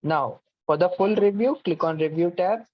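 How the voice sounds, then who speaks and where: Patiently explaining each step of an online course platform to students, a high-voiced man speaks at normal speed and says "okay" frequently. The recording comes through a video call mic, dull and lo-fi, dry with no room sound.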